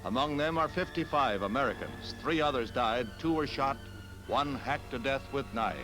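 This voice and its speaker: A man's voice: mid-range voice, moderate pace, rough recording. A man giving grave, dramatic announcer narration for an old 1960s archival newsreel. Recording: narration over loud newsreel music.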